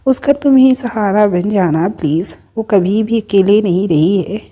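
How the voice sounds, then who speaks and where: A woman voicing a gravely ill mother in an audio story, speaking softly and pleading through tears. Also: medium pitch, unhurried, lightly acted. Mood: tearful. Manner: soft, tearful pleading.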